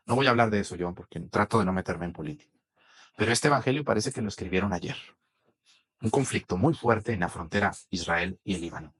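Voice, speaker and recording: A man's voice: fairly low pitch, husky. A man with a Mexican accent preaching a sermon, chatting with the congregation and asking them questions. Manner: conversational, asks the congregation questions. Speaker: priest.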